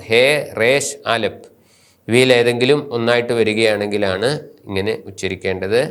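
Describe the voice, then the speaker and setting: A man with a Malayali accent, a priest teaching a slow grammar lesson who spells out letters and terms one at a time and repeats each term. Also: on the low side, gravelly.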